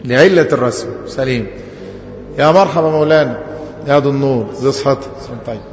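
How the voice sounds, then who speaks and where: A man with an Egyptian accent teaching a grammar lesson as an Islamic scholar. He stretches out quoted verses slowly and puts rhetorical questions to his class. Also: medium pitch. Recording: echoey hall, dull muffled audio.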